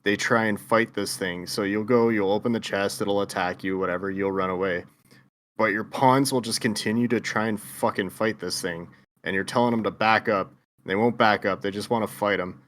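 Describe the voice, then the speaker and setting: Hoarse low-voiced man, casual. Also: fairly even intonation, moderate pace, fairly bright tone. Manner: laid-back, swears casually. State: hoarse, lost his voice. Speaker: podcast co-host. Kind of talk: casual chat.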